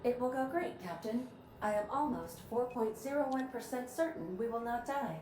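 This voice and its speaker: A woman plays a courteous female ship's computer AI with a crisp, exact delivery. Her lines come out dry and processed like a machine's. The sound is roomy, with steady noise underneath. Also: fairly high pitch, normal speed, lightly acted. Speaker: ship's artificial intelligence. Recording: roomy game audio with background noise.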